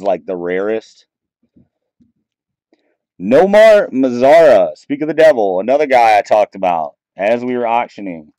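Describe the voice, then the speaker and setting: With a medium-pitched voice, a man casually comments while opening trading card packs at a table in a small room, reading off names and teams in a chatty, easygoing manner. He's off camera, and the rough camera-mic recording has no echo.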